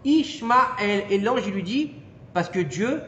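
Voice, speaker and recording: A man giving an informal Torah lesson to a small group, animated and peppering his listeners with questions. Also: high voice, slow pace, lo-fi sound. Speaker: Torah teacher. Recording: echoey room with long reverb and faint noise.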